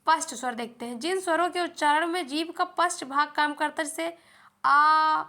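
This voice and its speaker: A woman's voice: sits high, brisk, pushed and bright. A young woman teaching an exam-prep lesson, often repeating a question back to the viewer before answering it herself.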